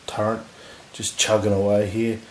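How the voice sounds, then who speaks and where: A man with a husky voice from recent illness, giving relaxed, rambling commentary on a tabletop battle. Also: lowish voice, normal speed. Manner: relaxed, rambling, lots of fillers. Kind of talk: casual game commentary. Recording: echoey room with faint noise.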